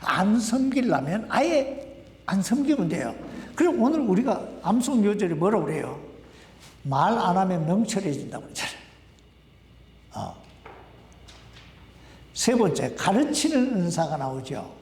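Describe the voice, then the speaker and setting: Animated pastor preaching in an echoey church. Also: male voice, high voice, unhurried, long pauses. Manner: conversational preaching, asks the congregation questions. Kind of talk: sermon. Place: church sanctuary. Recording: echoey hall, voice from a distance.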